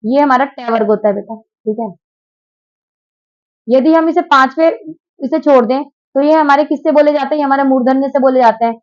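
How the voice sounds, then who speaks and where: A woman's voice: high voice, normal speed, dull audio. A woman teacher taking students patiently through exam questions, calling them 'beta' and drilling sounds aloud. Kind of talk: exam prep lesson.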